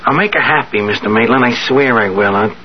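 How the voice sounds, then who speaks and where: A man's voice: medium pitch, a little fast, slightly rough, close to an everyday voice. A man playing an earnest, stammering young suitor. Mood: nervous, pleading. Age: young adult. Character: eager young man, earnest and anxious to please. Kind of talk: 1970s radio drama acting. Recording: dull lo-fi 1970s radio broadcast.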